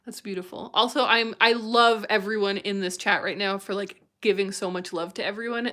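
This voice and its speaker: A bright young woman with a medium-pitched voice hosts a livestream chat, reading out viewer submissions. She's effusive and enthusiastic, gushing over what she reads.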